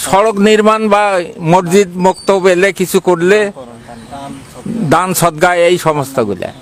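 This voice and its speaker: A man's voice: sits high, animated, a little slow. An older man with a Bangladeshi accent answering interview questions spontaneously. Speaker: bereaved father being interviewed.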